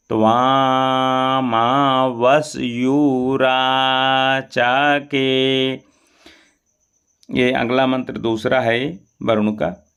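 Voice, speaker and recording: A man teaching Sanskrit mantra pronunciation, chanting each syllable slowly and at length between explanations. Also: medium pitch, creaky.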